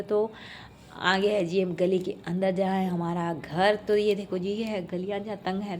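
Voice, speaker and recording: A chatty woman in her thirties talks through her family's day like a home vlog, at a middle pitch for a woman. A faint hum of background noise sits under her voice. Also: a little mellow. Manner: chatty, narrates family moments, frequent "जी". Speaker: family vlogger. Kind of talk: casual vlog narration.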